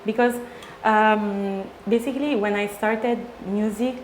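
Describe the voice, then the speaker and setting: A woman from Spain, a DJ guest answering interview questions in halting English with many fillers. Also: medium pitch, fairly even intonation. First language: Spanish or Italian. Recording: echoey room, faint noise.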